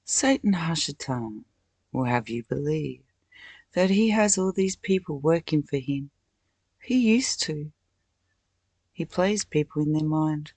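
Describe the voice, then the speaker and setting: A woman giving a rambling spiritual monologue and prayer, slow and deliberate, breaking into sudden loud curses. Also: sits low, lively intonation, dry recording. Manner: guides slow breathing while chanting names. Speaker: spiritual video maker.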